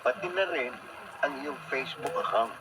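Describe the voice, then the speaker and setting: This is a radio drama heard through a very noisy broadcast, with an actor with a Filipino accent voicing a young male student who is lovestruck, dramatic, pleading and persistent. He uses a natural, medium-pitched voice at a moderate pace, sounding hopeful as he woos.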